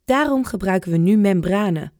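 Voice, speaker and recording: A woman's voice: mid-range voice, expressive, normal speed, a little mellow, no echo, clean studio sound, lightly acted. A woman doing an eager lecturing professor. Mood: explaining. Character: enthusiastic male professor explaining water.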